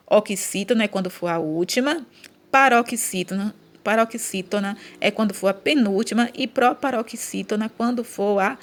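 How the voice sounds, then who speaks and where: A woman teacher with a Brazilian Portuguese accent, explaining a lesson to children patiently and checking often that they follow. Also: medium pitch. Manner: patient, repeats and checks understanding with "tá?" and "né?".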